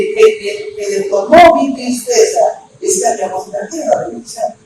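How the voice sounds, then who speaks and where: High-voiced, animated preacher in an echoey hall. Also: male voice. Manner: animated, shouting at emotional peaks. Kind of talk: sermon with storytelling. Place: church. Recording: echoey church hall, distant mic, room noise.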